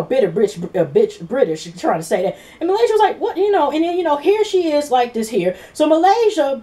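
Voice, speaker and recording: A woman vlogger rambling casually through a gossipy TV recap, acting out what people said. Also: high voice. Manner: rambling, animated, gossipy retelling. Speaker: YouTube TV reviewer.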